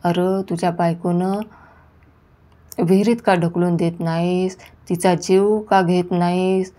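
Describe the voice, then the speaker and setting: A woman's voice: lowish voice, level tone, takes it slowly, mellow. A woman voicing a stooped old village grandmother who scolds shrilly and makes demands. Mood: furious.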